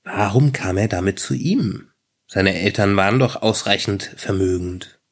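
A man reading a story aloud in a measured, steady way, as narrator. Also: fairly low pitch. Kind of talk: audiobook narration.

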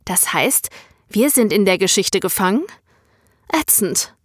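A woman's voice: mid-range voice, expressive, unhurried, husky, dry recording. Audiobook part: a woman playing a blunt, eager young woman, dry close sound. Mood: dismayed. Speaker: story character.

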